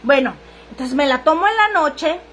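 Chatty high-voiced woman livestreaming. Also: lively intonation, normal speed, a bit bright. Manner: earthy, crude, chatty, reads viewers' comments aloud. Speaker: livestream seller. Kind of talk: casual livestream chat.

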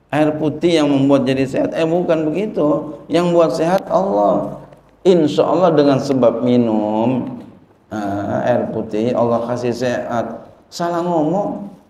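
Middle-aged religious teacher, man, casual repetitive delivery, mellow tone, echoey room. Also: a little high, a little slow, creaky, pauses often. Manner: repetitive, conversational, acts out quoted people. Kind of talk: colloquial Quran commentary lesson. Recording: roomy echo.

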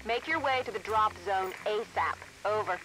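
A brisk military radio commander. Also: female voice, mid-range voice, music in the background, poor audio. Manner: clipped radio protocol, businesslike. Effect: over a military radio. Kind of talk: video game dialogue.

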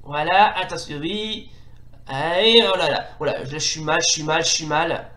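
A man giving live commentary on a retro fighting game, hesitant and full of fillers, bursting into excited exclamations during the fights. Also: on the high side, normal speed. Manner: hesitant, many fillers and restarts. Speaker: retro gaming video host. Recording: roomy echo.

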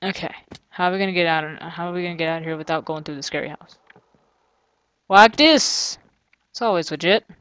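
A chatty gamer talks through a custom game map in casual let's-play commentary, thinking aloud, grumbling and throwing in sarcastic jokes. The voice sits at an ordinary middle pitch. It is recorded dry and close, with no room sound at all. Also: steady tone, racing, fairly bright tone, clear, resonant tone, dry recording.

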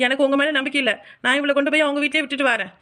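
A woman voicing a sharp-tongued, meddling village neighbor in a Tamil cartoon, with a southern Tamil accent and a taunting, scolding manner. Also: high-pitched, steady tone, rapid-fire. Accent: southern Tamil Nadu. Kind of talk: cartoon voice acting.

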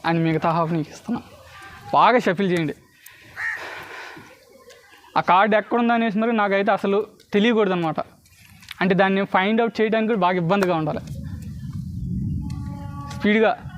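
A man's voice: high-pitched, fairly quick, long pauses, dull audio, slight background noise. A man with a Telugu accent giving street performer patter for a card trick, mixing in English words and constantly checking that spectators follow. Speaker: street magician.

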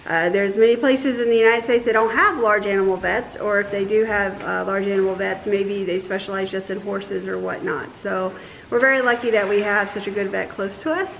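A woman in her thirties, a dairy farmer co-hosting a casual farm vlog, explaining things in a relaxed way with fillers, filmed in an open barn by a nearby camera. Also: medium pitch, brisk, vocal fry, slight background noise, rough recording. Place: open-sided barn outdoors.

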